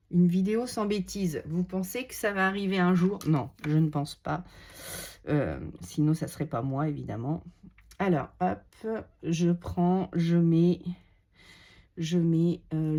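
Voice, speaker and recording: Her voice sits on the low side and sounds warm, though she has a cold. Working on a scrapbook page, she keeps the tutorial casual, talking as she goes and muttering little self-deprecating comments to herself.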